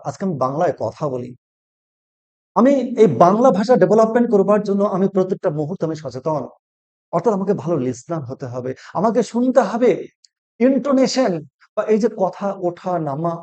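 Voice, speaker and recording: A man with a Bengali accent teaching spoken English in a video lesson, switching between Bengali and slow, emphatic English phrases. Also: high-pitched, dark tone. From India.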